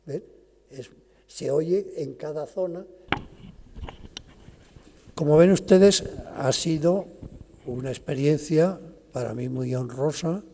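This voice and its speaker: Gravelly older lecturer in a hall. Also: male voice, fairly high pitch, mellow, slight background noise. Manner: explanatory, pauses and restarts mid-phrase. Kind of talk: academic lecture. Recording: long reverb of a lecture hall.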